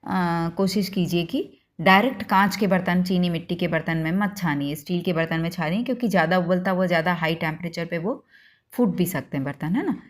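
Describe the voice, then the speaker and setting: A woman's voice: fairly low pitch, fairly quick. A woman hosting a home cooking demonstration, explaining each step to viewers in a homely, instructive way. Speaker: cooking channel host.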